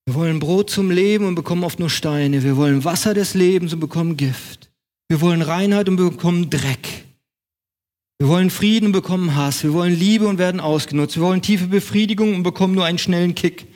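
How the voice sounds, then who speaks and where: High-voiced German preacher man. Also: a little fast, darkish tone. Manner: emphatic, repetitive preaching cadence. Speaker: pastor. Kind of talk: sermon.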